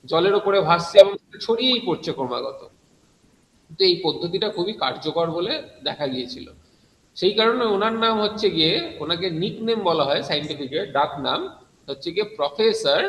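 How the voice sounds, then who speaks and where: A man's voice: sits high, a bit bright. A man teaching an online science class, explaining with frequent fillers and self-corrections, his voice heard in a heavy echo like a cathedral. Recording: echoey, reverberant room sound.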